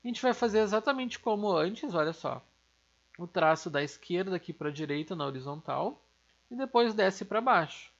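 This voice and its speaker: A woman's voice: lowish voice, gravelly, highs cut off. A woman teaching an online language lesson, explaining step by step and asking and answering her own questions.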